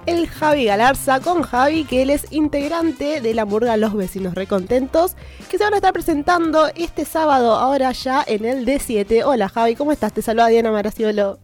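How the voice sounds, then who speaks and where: A woman's voice: high-pitched, expressive, moderate pace, a little mellow, faint music behind. A woman hosting a radio interview, chatty and joking. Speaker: radio host.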